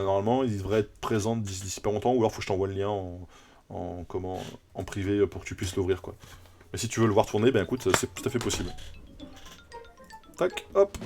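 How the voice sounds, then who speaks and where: A man's voice: lowish voice, a little mellow. A man streaming a video game, chatting casually and rambling with many fillers and restarts. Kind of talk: casual live gameplay commentary.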